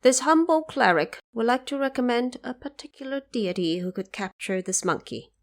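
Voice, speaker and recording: A woman playing a serene, humble female Bodhisattva who advises in a measured, formal and deferential way. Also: fairly high pitch, lively intonation, pitched above the performer's own voice. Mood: calm, deferential.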